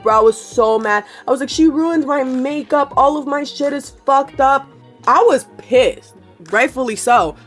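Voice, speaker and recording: Young woman vlogger, casual storytime chat, animated delivery with lots of swearing and laughter, faint music under it. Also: medium pitch. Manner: animated, swearing, laughing often, quotes people in voices.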